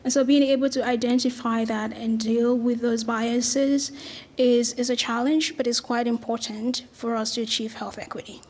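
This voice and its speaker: A woman's voice: on the high side, fairly even intonation, normal speed, darkish tone. A middle-aged woman from Cameroon, giving an earnest academic lecture with slides and small restarts. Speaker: researcher giving a talk.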